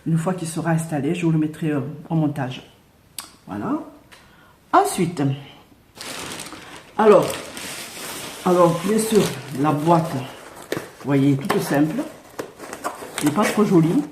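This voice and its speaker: A woman's voice: low voice, expressive, reverberant, a little hiss or hum. Hesitant woman unboxing. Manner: hesitant, many filler pauses; speaks a little loud on purpose. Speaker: unboxing vlogger. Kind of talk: casual product unboxing.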